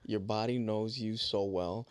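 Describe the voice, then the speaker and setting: A man's voice: fairly low pitch, fairly even intonation, measured pace, clean tone, no echo. A man hosting a podcast, supportive, chiming in with affirming murmurs and reflective remarks. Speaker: podcast host. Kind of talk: casual interview chat.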